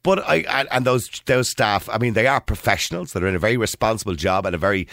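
An Irish man hosts a radio phone-in in a challenging, interrupting manner. His speech is quick with big swings in pitch, and the sound is dry and close. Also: lively intonation, vocal fry, fairly bright tone, no echo. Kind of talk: debate with caller.

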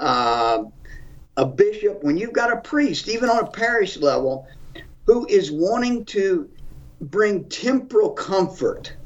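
A man giving forceful, preacherly commentary on a talk show, repeating phrases for emphasis. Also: on the high side. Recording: distant, dull lo-fi audio.

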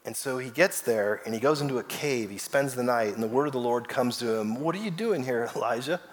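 A man's voice: mid-range voice, fairly even intonation, fairly quick. A man, a lead pastor, preaching a sermon in a conversational way and acting out the voices in the story. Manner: grows loud and emotional telling his own story.

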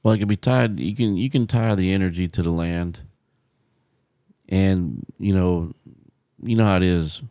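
A man with a deep, smooth, mellow voice chats in a folksy, conversational way. He co-hosts a casual podcast and repeats his words as he thinks aloud, recorded dry and close. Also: steady tone, normal speed, pauses often, dry recording. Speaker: podcast co-host, paranormal investigator. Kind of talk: casual chat.

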